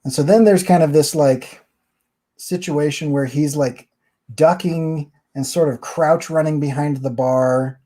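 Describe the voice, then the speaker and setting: A man's voice: fairly high pitch, fairly even intonation, measured pace, dark tone. Chatty man reviewing comics. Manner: rambling, chatty, summarizing a comic page by page. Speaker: comic book review host. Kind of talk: casual chat.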